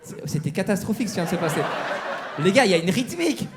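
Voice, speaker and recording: A man's voice: high-pitched, very animated, fast talker, heavy background noise. A man doing stand-up crowd work on a comedy club stage, teasing the audience with mock-outraged banter. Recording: live show with crowd laughter.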